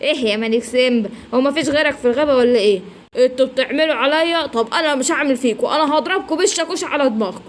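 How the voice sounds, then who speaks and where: A woman with an Egyptian accent voicing sly, hungry villain lionesses in a low, menacing voice. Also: very fast, slight background noise, close to an everyday voice. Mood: scheming. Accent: Egyptian Arabic. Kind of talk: children's story voicing.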